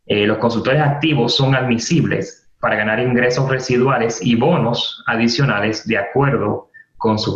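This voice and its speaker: A man leading a training webinar, explaining terms patiently with many fillers and restarts, repeating key points. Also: mid-range voice. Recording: roomy, dull lo-fi webinar audio.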